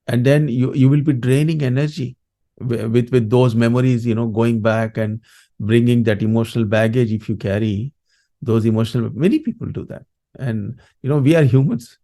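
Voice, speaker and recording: A man with an Indian accent speaking as a grief coach in an interview, explaining in a halting, reflective way with frequent small tag words. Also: mid-range voice, dark tone. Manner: halting, reflective, often adds "you know" and "right".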